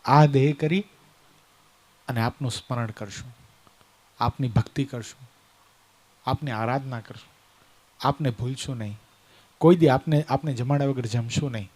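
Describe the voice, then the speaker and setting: A man's voice: medium pitch, moderate pace, long pauses, pitched below the performer's own voice, lightly acted. A man voicing two remorseful young twin men who speak humbly as one. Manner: soft, pleading.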